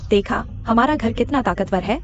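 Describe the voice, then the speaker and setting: A woman's voice: on the high side, moderate pace, muffled recording, faint music behind, lightly acted. A woman voicing a commanding rich young lady. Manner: commanding, formal. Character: commanding wealthy young woman, eldest daughter. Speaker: dub voice actor. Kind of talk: Hindi drama dubbing.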